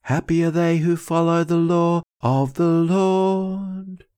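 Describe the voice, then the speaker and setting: A priest chanting a slow sung liturgy in a distant cathedral echo, his voice raised high above how he speaks. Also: little pitch movement, darkish tone, smooth.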